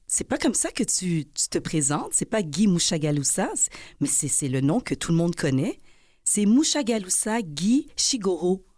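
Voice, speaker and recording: A woman's voice: mid-range voice, dry recording. Chatty woman podcast host, dry studio. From not born in Quebec. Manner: warm, chatty, with laughs and restarts. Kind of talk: conversational interview.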